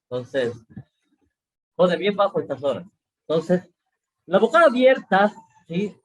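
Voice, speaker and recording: A middle-aged man teaching a class over a video call, explaining slowly, repeating points and checking often that students follow. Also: high voice, very animated, a bit bright, husky, low-quality recording. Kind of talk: online class lecture.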